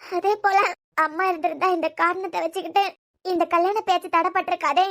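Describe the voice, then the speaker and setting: A woman with a Kanyakumari Tamil accent voicing a grieving young wife who talks softly and tearfully in a cartoon series. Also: extremely high pitch, fairly even intonation, fairly quick. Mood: sorrowful. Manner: soft, tearful pleading. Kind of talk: cartoon web series dialogue.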